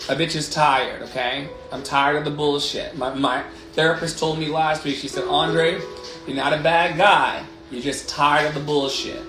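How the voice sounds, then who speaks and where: This man, in his late thirties, runs a motivational livestream as a life coach, and his bright, forceful voice sits on the high side with fairly even intonation at normal speed. He talks frankly and with emphasis, swearing and repeating affirmations, while his living room adds roomy echo and music plays behind him.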